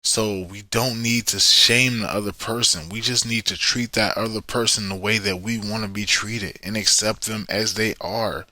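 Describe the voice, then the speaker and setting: A man's voice: lowish voice, fairly even intonation, moderate pace, hardly any pauses, sharp tone, no echo. A man hosting a podcast, giving relationship advice in a coaching way and checking in with the listener. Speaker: podcast host.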